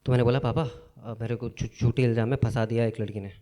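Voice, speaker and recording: A young man doing stand-up on a live comedy stage. His voice sits mellow and warm at a middle pitch, and he tells his story in a loose, animated way, switching into the voices of the people in it. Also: fast talker. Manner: casual, animated, acts out characters' lines.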